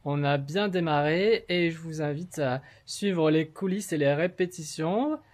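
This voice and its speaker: Relaxed man vlogging, hesitant. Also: fairly high pitch, measured pace. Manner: relaxed, hesitant, full of fillers. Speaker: vlogger and amateur actor. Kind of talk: casual vlog talk.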